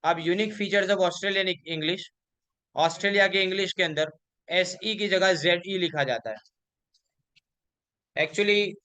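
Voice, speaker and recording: A college lecturer with a high, bright, clear voice leads an exam revision session, explaining in a mix of Hindi and English. He asks the class questions and answers them himself, slowing down to read English examples aloud.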